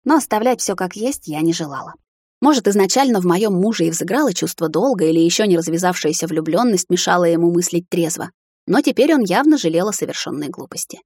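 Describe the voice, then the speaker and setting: A woman narrates a first-person novel in a steady, measured way. Her voice sits on the low side and the recording is dry and close, with no room around it. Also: slightly rough, no echo. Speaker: audiobook narrator.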